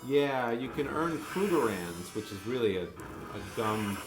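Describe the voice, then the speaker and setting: A man's voice: mid-range voice, lively intonation, a little slow, reverberant, over music. A man casually explaining his pinball machines in an easygoing, knowledgeable way. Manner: easygoing, knowledgeable, hesitant fillers. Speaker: pinball collector. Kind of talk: casual chat.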